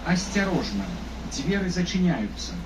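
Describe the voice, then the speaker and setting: A man reading formal, measured stop announcements, played over the loudspeaker of a moving city bus. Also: high voice, big pitch swings. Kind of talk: recorded public transport announcements. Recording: echoey loudspeaker heard from far off with loud engine noise.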